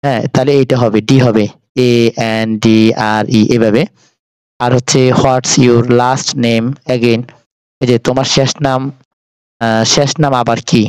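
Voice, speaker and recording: A man's voice: mid-range voice, flat delivery, measured pace, a little mellow, clean tone, dry recording, rough recording. A man with a Bangladeshi accent teaching a textbook English lesson, explaining phrases in Bengali with frequent hesitations.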